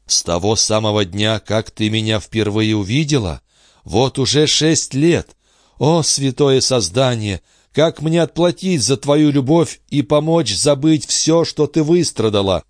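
A man's voice: mid-range voice, expressive, measured pace, no echo, clean studio sound, voice pushed up, close to an everyday voice. A man voicing an ardent young nobleman who pleads earnestly and tenderly.

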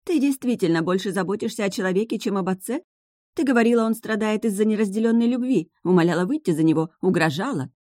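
A woman voicing a haughty, scheming sea witch who turns sarcastic and shrill. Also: animated, fast talker, dark tone, no room sound, studio quality, close to an everyday voice. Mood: suspicious.

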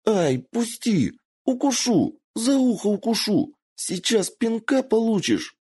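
A man voicing a giggly young female fox werewolf who talks in shrill squeals and whines. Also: very animated, slow, darkish tone, breathy edge, exaggerated voice. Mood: squealing, giggling.

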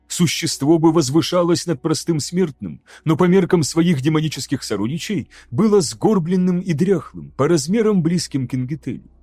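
A man narrating an audiobook in a measured, dramatic reading style. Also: on the high side, expressive, dark tone, slightly rough, no room sound. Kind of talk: scripted narration.

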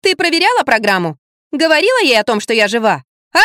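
A woman reading an audiobook, voicing a bratty, sharp-tongued teenage girl in a shrill, indignant voice. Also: big pitch swings, fast, dry recording, clean studio sound, full character voice. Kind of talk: audiobook character voice.

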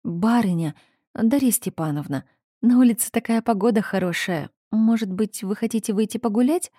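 A woman voicing a kind, timid young housemaid who asks gentle, hesitant questions. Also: medium pitch, normal speed, no echo, studio quality, pitched above the performer's own voice, natural voice. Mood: coaxing.

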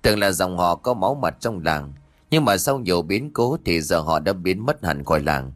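A man's voice: deep voice, sing-song, normal speed, dry recording. A man voicing an older village clan head who talks brusquely and dismissively in a ghost story. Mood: grateful.

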